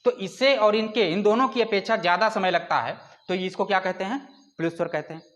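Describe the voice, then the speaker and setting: A man with a notably high speaking voice gives a classroom lecture. He asks questions of his listeners and answers them himself, and he draws out sounds to demonstrate them. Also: a bit bright. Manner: explains with rhetorical questions and drawn-out calls. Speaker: teacher.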